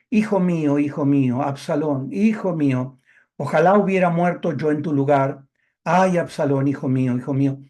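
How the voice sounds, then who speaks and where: A middle-aged man preaching a sermon as a pastor, reading scripture aloud slowly and with emphasis. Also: on the high side, darkish tone.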